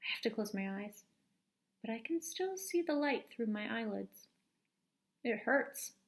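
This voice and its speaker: A woman with a slightly high voice, lively intonation, and a somewhat slow delivery plays an eager, money-loving eleven-year-old girl. She narrates a storybook in the first person, earnestly and with dramatic emphasis, sounding dreamy and excited.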